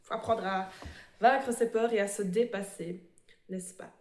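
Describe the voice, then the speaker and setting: A woman's voice: mid-range voice, steady tone, a little mellow. Nervous, hesitant woman in an echoey room. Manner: hesitant, many fillers and restarts; self-described fast talker, a bit nervous. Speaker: cross-stitch vlogger. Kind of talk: casual show-and-tell of embroidery projects.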